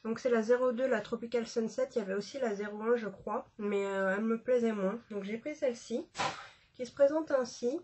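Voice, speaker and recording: A woman's voice: on the high side, a little fast, darkish tone, slight background noise. A woman chatting casually about a makeup haul, with many fillers and restarts. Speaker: beauty vlogger.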